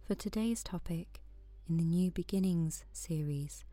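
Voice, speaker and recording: A woman guiding a sleep meditation in a soft, soothing voice that often drops to a whisper. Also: lowish voice, a little slow, no room sound. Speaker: meditation guide.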